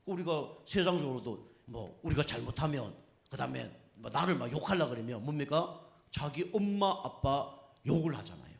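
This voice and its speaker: Male pastor, conversational sermon delivery, lively intonation, keeps checking in with listeners. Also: medium pitch, moderate pace, vocal fry. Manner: conversational preaching, with frequent tag questions to the congregation; acts out quoted speech in anecdotes.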